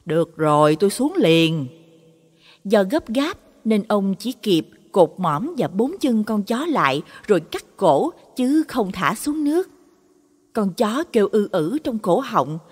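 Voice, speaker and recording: A woman narrating a late-night Buddhist moral story in a dramatic, expressive scripted read. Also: mid-range voice, a little slow, breathy edge. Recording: long reverb on voice.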